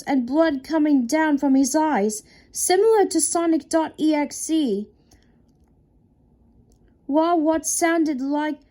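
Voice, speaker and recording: Woman narrator, horror story read-out, slow and mellow, stumbles and restarts a lot. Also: high-pitched. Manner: slow, halting, frequent restarts. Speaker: creepypasta narrator. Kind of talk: unscripted horror story reading.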